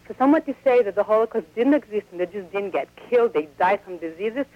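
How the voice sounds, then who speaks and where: A woman phones in to a talk radio show, upset and insistent, pushing her point in long runs. Her mid-range voice is animated and fast, heard through a dull, lo-fi telephone line.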